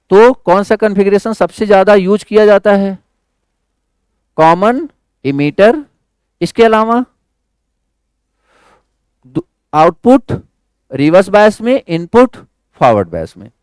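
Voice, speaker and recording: A man gives an electronics lecture in a high, smooth voice. He keeps asking the class questions and answering them himself, switching into English for the technical words. The recording is close and dry. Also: expressive, unhurried, pauses often, darkish tone, dry recording. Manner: quizzes students with repeated questions; mixes English terms into Hindi. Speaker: electronics teacher.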